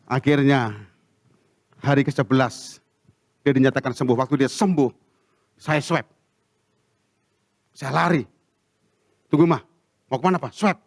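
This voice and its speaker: Male pastor with an Indonesian accent, high and very lively voice, dry close sound, acts out the dialogue. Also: vocal fry, no echo. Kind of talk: sermon storytelling. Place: church.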